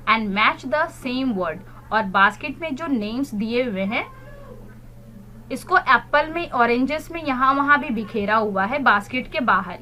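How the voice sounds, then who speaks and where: This recorded online lesson features a woman primary school English teacher working with young children, using Hindi explanations and spelling words letter by letter. Her voice sits on the high side, bright and forceful.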